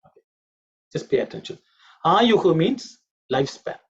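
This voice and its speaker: Male Sanskrit teacher, gravelly and slightly raised voice, patient drilling, dull lo-fi line. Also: sits high, big pitch swings. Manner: patient, repeats pronunciations slowly. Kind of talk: online class lecture. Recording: dull lo-fi audio.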